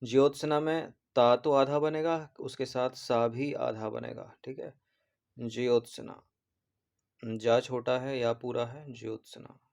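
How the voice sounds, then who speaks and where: A man's voice: medium pitch, steady tone, takes it slowly, gravelly, a little mellow. A man, an exam prep teacher who goes through test answers and patiently repeats and corrects spellings.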